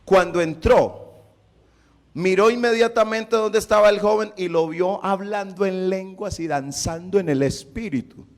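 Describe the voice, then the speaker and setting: A male pastor preaching a sermon, telling a story with animated delivery. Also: high-pitched, measured pace.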